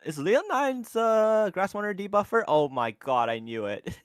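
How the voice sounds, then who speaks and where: A man casting an online racing tournament, getting loud and excited during the race calls. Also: high voice, clean tone, no room sound. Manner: excitable, rises to loud fast calls at the finish. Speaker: tournament caster. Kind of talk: esports race commentary.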